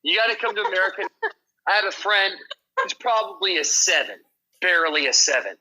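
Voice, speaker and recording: Very bright, higher-pitched man bantering. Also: expressive, fairly quick, rough recording. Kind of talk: casual banter on a gaming stream.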